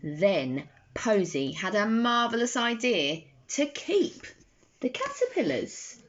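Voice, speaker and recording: Her voice on the high side, a young adult woman reads a bedtime story to children with slow, animated, careful expression. The clip comes from a phone at arm's length in her bedroom and sounds slightly dull.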